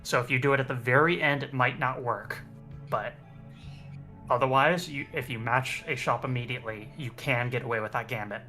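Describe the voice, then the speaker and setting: A man's voice: mid-range voice, fairly quick, sharp tone, soft background music. A man reading game text aloud as narrator during a playthrough.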